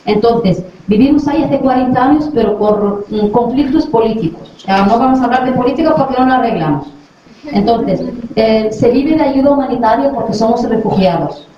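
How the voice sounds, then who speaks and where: A middle-aged woman from Western Sahara, a dentist visiting a school, talks kindly to the children and asks them questions to confirm they understand. Her voice is fairly high, brisk and mellow, with slight background noise. The recording is dull and lo-fi, very echoey, made far from the mic.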